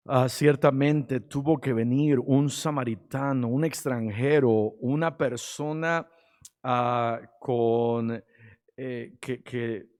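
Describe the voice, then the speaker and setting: A man preaching a sermon as pastor, dramatic, bursting into shouts for quoted cries, then dropping low and slow. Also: fairly even intonation. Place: church. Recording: long reverb of a church hall.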